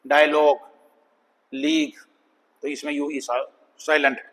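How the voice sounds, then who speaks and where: A man teaching an English phonics lesson, sounding out words slowly and repeating them for students. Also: fairly high pitch, level tone, long reverb tail, low-quality recording. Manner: slow, drawn-out demonstration of words, calls students "bhai".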